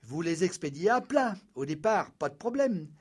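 A man's voice: high voice, sing-song, moderate pace, slightly rough, heavily acted. A man voicing an anxious middle-aged carpenter who haggles and insists, fussy and a little stammering. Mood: insistent. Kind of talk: audiobook character voice.

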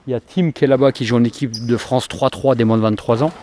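A man in his forties speaks as a basketball coach in an interview. His voice sits at a mid pitch, and he explains things in a steady, measured way. Faint noise can be heard behind him. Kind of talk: interview answers.

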